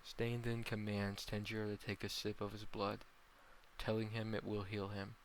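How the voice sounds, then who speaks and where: A young man narrating a fan-fiction story in a plain, slightly halting reading. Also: lowish voice, completely flat delivery, a little hiss or hum, poor audio.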